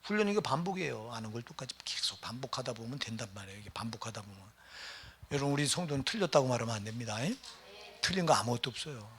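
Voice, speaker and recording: A man's voice: medium pitch, very animated, very fast, a bit bright. A middle-aged man, a pastor, preaching a sermon in a conversational way and often putting questions to the congregation. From Gyeonggi Province, Korea.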